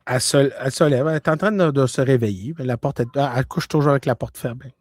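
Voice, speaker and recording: A man's voice: mid-range voice, fast talker, dry recording, studio quality. A man with a Québécois French accent telling a personal story in a casual, conversational way, often checking in with his listener. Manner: conversational, peppers talk with "là" and "tu comprends"; animated, shifting between loud bursts and hushed tones.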